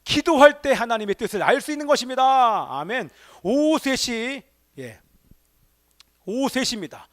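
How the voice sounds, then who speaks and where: A male pastor preaching a Sunday sermon in a church, firing rhetorical questions at the congregation and swinging between emphatic exclamations and hushed asides. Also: very high voice, expressive, normal speed. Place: church sanctuary.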